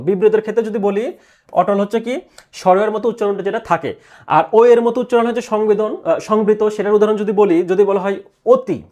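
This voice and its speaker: Man, high voice, exam prep teacher, repeats answers slowly, quizzes himself. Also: a little mellow. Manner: repeats answers slowly, asks and answers own questions.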